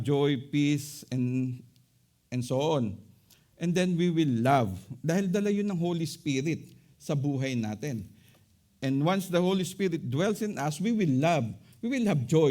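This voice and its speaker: A man's voice: a little high, a little mellow. A man with a Filipino accent preaching a sermon, emphatic and repetitive, often checking in with "okay?" and switching between English and Tagalog.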